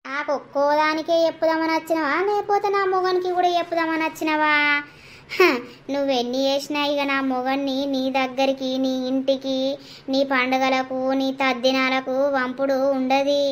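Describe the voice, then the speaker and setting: Woman doing a high, flat-toned cartoon village wife w/ telangana accent, jealous and scolding. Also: moderate pace, natural voice. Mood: angry. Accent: Telangana Telugu. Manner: scolding, accusing. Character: angry jealous village wife, sharp-tongued. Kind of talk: animated village comedy voice acting.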